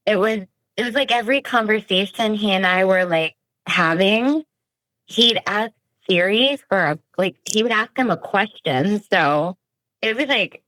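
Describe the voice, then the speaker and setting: A woman's voice: mid-range voice, a bit bright, dry recording, rough recording. A woman heard over the phone on a radio call, hesitant and full of fillers. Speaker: caller reached by phone. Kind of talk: casual phone conversation.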